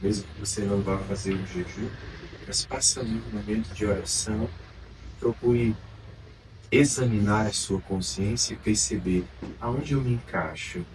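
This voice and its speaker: Brazilian male priest, earnest exhorting homily, low voice, heard from a distance over steady noise. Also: moderate pace. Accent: Brazilian Portuguese. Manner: earnest, exhorting, rhetorical questions. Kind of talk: homily at Mass. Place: church during Mass. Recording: distant mic with background noise.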